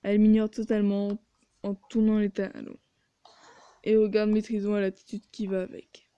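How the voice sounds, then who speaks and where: A woman's voice: mid-range voice, level tone, moderate pace, dark tone, clear, resonant tone, no echo, lo-fi sound. A woman reading a story game aloud and adding sarcastic asides. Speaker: video game player.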